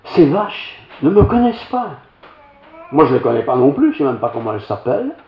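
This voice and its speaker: Older Belgian pastor telling a story. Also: male voice, medium pitch, very animated, a little fast, slight background noise. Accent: Belgian French. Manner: homely anecdotal telling, self-mocking, many asides. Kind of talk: storytelling sermon. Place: church hall. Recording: roomy, slightly dull church recording.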